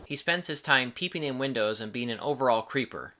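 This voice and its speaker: A man's voice: mid-range voice, expressive, a little fast, pushed and bright, slight background noise. A man reading a scripted film review in a casual way, with wry, joking asides.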